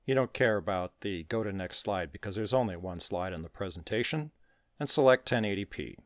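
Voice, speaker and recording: A man with a very low voice talks through a software tutorial at an easy, step-by-step pace. His delivery moves up and down a lot in pitch despite the deep tone, and the recording is close and dry with no room sound. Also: a little fast, no echo. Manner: calm step-by-step instruction. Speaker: tutorial host.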